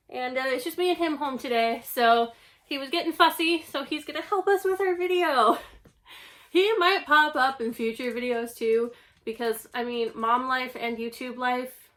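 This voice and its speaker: Still recovering from a cough, a young woman with a high, slightly hoarse, somewhat bright voice chats about a stack of books indoors at home. She runs a book channel, and this casual haul vlog finds her rambling and making fun of herself.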